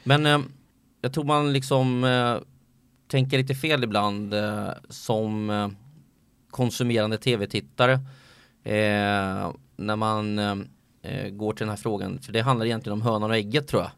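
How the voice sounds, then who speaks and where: A sports commentator talking in a casual podcast chat, hesitant and full of filler sounds. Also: male voice, on the low side, steady tone, creaky, a bit bright, smooth, no room sound.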